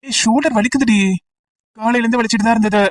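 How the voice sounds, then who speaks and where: A woman's voice: a little high, fairly even intonation, quick pace, far from the mic, natural voice, rough recording. A woman voicing a teasing, persistent young male college student in an amateur audio drama, talking in a playful, coaxing way.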